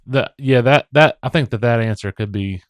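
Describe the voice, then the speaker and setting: A man's voice: medium pitch, moderate pace, no echo. A man co-hosting a casual podcast, easygoing and joking, laughing along. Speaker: podcast co-host. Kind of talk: casual chat.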